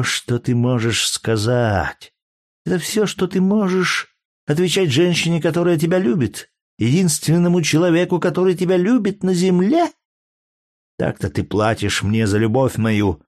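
A man's voice: medium pitch, darkish tone, no room sound, clean studio sound, voice pushed up, natural voice. A man reading aloud and voicing a jealous, scornful young Greek courtesan with a biting, mocking manner.

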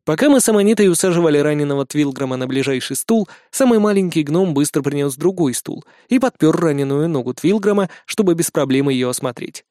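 A man reads a fantasy tale aloud with lively, ironic asides. His voice sits somewhat high, and the recording is close and dry with no room echo. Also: brisk, hardly any pauses. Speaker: narrator. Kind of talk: audiobook narration.

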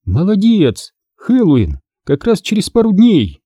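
A man's voice: high-pitched, wildly swooping pitch, measured pace, dark tone, breathy edge, no room sound, studio quality, voice pushed up, exaggerated voice. A man voicing a cheerful middle-aged aunt who exclaims and scolds fondly in a storybook reading. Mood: lively.

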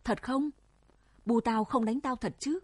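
A woman reading a storybook voices a frightened young village man of twenty who refuses bluntly, with a husky voice. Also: on the high side, unhurried, a little mellow, no echo. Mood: doubtful.

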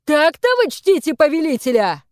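A woman's voice: on the high side, very animated, a little slow, a little mellow, no room sound, clean studio sound. A woman voicing the young son of a demon lord, cold and commanding, in an audiobook reading. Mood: angry. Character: young male demon lord's son, stern, proud.

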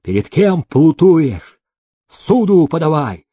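Man doing a menacing young heir, barks threats, dark husky voice, dry sound. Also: fairly high pitch, very animated, slow, no room sound, voice pushed up, exaggerated voice. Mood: furious. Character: hot-tempered, threatening young male heir.

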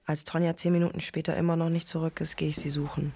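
In a quick, level delivery, a woman with a low-pitched, dark and slightly rough voice voices a conflicted podcaster recounting her love story. The scripted narration is first-person and present tense, intimate and introspective, with an uneasy, reflective mood.

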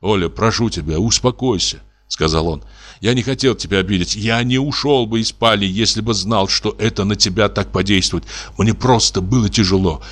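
A man playing a remorseful husband who speaks softly and tenderly to calm his wife. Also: on the low side, moderate pace, lightly acted. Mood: tender soothing. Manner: soft, tender, pleading. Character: gentle remorseful husband, middle-aged, soothing.

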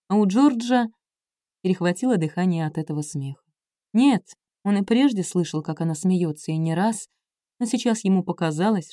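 A woman narrating a romance novel as an audiobook, telling the story smoothly and evenly. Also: on the low side, dark tone, no room sound, studio quality.

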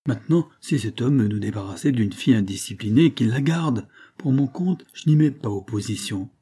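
A man's voice: mid-range voice, animated, moderate pace, mellow, slightly rough. A man playing a harsh, scornful old spinster. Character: stout old spinster woman, harsh and furious.

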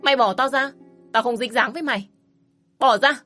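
A woman's voice: medium pitch, brisk, soft background music, natural voice. Woman acting out a fiery, fed-up divorced mother. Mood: screaming. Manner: sharp, scornful, shouting in anger. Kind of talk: storybook narration.

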